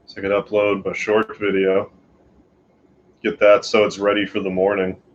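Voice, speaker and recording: Man from Canada, live streamer, low voice, sleepy rambling chat, dull lo-fi audio. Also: monotone, normal speed, a little hiss or hum. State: tired. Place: home bedroom.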